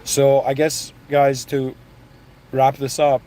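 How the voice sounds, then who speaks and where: His delivery is completely flat, slow and mellow, in a mid-range voice. This Iran-born, Canada-raised motivational speaker rambles casually through his talk with restarts, asides and repeated "you know what I mean."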